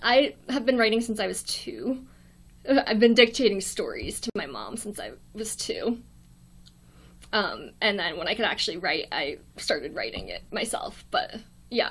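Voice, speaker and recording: A shy, quiet young woman with an American accent, chatting casually on a livestream from her dorm room, reading viewer comments aloud with lots of ums and little laughs. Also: medium pitch, breathy edge. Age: young adult. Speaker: livestream host.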